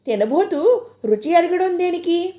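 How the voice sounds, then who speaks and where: A woman voicing a shy young man in love who speaks softly and hesitantly. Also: very high-pitched, animated, unhurried, voice pushed up. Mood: gentle. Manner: soft, hesitant, pleading.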